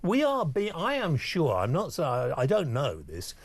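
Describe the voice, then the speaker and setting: A man hosting a live late-night talk radio show with smooth host patter, bringing callers on air and chatting with his co-host. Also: on the high side, huge pitch swings, a little slow, dry recording. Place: radio studio. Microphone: studio microphone.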